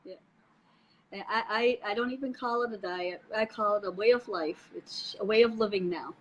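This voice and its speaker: A middle-aged woman telling her story in a casual chat over a video call, lively and often laughing. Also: medium pitch, moderate pace, highs cut off. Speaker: guest sharing her story.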